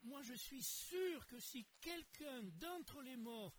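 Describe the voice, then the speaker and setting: An anguished rich man in torment cries out and pleads, as a man acts him out in a dramatized Bible story. His voice sits high and lurches widely in pitch. He stretches each plea slowly. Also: lively intonation, slight background noise, heavily acted. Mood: desperate pleading.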